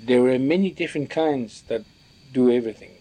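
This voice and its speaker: A man recalling what elders taught him, talking in a reflective, halting way with many restarts as he searches for words. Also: medium pitch, dark tone. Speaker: storyteller recalling teachings from elders. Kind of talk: reflective spoken recollection.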